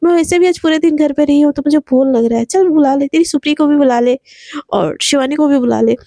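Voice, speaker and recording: A woman's voice: sits high, fairly quick, dark tone, no echo, studio quality. A woman voicing a possessive, hot-tempered young woman who scolds sharply and coaxes her younger sister. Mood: coaxing. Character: bossy jealous young woman, older sister.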